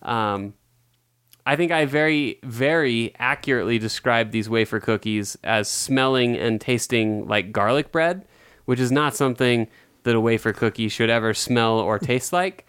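Rambling, smooth-voiced young male podcast host. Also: mid-range voice, moderate pace, a bit bright. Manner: rambling, joking, lots of fillers. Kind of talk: casual chat.

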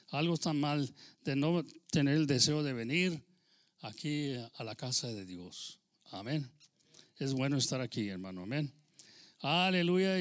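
A man from Texas preaching in church with a Texan Spanish accent and a somewhat high voice. He talks with fervor and keeps punctuating his words with amens, growing loud as he quotes scripture. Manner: fervent preaching, rising loud when quoting scripture, frequent amens. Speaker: pastor. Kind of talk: sermon.

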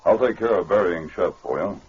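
An actor playing a steady, commanding Mountie sergeant in an old-time radio adventure. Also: male voice, deep voice, brisk, breathy edge. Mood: measured, sympathetic. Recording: muffled, noisy old radio recording.

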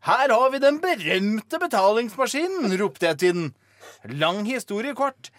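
Excitable bumbling man played by a man, high voice that swoops around a lot, blustering, dry sound, live radio comedy. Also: no room sound, heavily acted.

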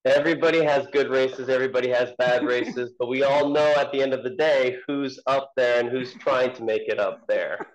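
A man's voice: mid-range voice, fairly even intonation, normal speed, hardly any pauses, highs cut off. A man, an ultrarunner guest, answering interview questions in a casual, hesitant way with many ums and restarts.

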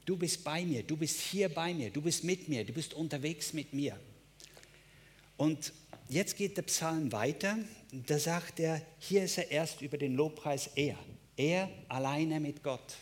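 Emphatic preaching man, fairly high voice. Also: a little slow. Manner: emphatic preaching with repeated phrases and direct address. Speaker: pastor. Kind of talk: sermon.

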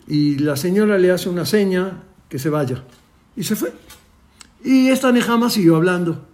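A man tells a story in a fairly high voice, acting out its dialogue as he goes. His delivery is lively, with frequent restarts and repeated phrases. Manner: lively retelling with quoted dialogue and many restarts. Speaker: rabbi. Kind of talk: storytelling talk.

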